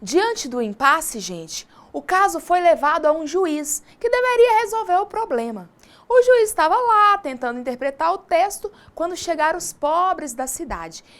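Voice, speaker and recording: Woman teacher for an online lesson; high, very animated voice, chatty, questions the class. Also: moderate pace.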